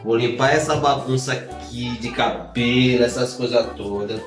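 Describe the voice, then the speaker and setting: A man in his thirties from Salvador, Brazil, chats to his viewers in a casual family-vlog manner. He pokes fun at himself and restarts his sentences. His voice sits at an ordinary middle pitch. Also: steady tone, normal speed, reverberant, faint music behind. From Salvador, Bahia, Brazil. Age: 30s. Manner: chatty, self-mocking, repeats and restarts. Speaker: family vlogger.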